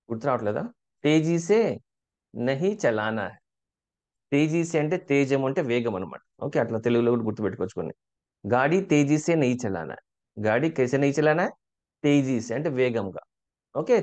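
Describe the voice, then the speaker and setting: A man teaching a language lesson, asking learners questions and saying phrases slowly for them to repeat. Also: mid-range voice, darkish tone, highs cut off. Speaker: spoken Hindi teacher. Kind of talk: language lesson, drilling example sentences.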